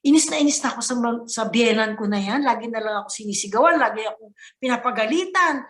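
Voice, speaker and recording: A woman's voice: a little high, expressive, close to an everyday voice. Woman acting out a frantic, fed-up young wife. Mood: exasperated. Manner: rapid, exasperated complaining. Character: distraught young wife fed up with her mother-in-law. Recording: echoey room.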